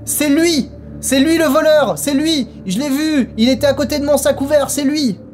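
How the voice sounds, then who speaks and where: A man voicing a frantic little old woman who keeps accusing and pleading in a shrill, insistent voice. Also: normal speed, darkish tone, slight background noise, close to an everyday voice. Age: older. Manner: shrill, insistent, repeating herself.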